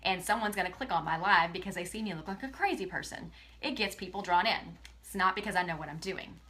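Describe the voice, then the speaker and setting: Tearful woman, bright voice. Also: lowish voice, fast talker. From Texas. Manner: earnest, emotional, often near tears, talks straight to viewers. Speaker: direct sales presenter. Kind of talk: tearful motivational live video.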